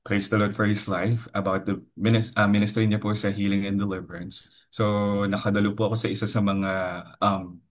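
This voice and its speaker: Filipino man, 30s, deep baritone, earnest devotional testimony, low voice. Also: flat delivery, normal speed, few pauses. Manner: earnest, mixes English into his talk, frequent fillers and "po". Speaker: lay preacher giving a testimony.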